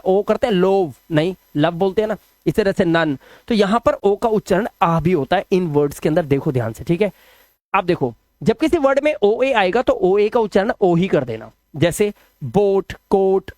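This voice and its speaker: A man teaching English pronunciation, chatty, sounding out example words slowly and speaking to viewers as friends. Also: high voice, a little mellow, no room sound. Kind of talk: spoken lesson on English spelling rules.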